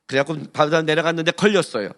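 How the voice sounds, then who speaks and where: Male pastor, gravelly high voice, lively sermon delivery with sudden loud bursts. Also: quick pace. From Korea. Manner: emphatic, swings between hushed asides and loud exclamations; talks directly to congregation with rhetorical questions.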